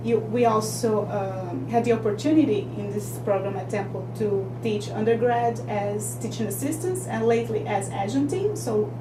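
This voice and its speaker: Young woman, a filmmaker guest, halting and thoughtful, recorded from afar with a noisy hum. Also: mid-range voice. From Brazil. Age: young adult. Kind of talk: interview answers. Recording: echoey room, distant mic, noise hum.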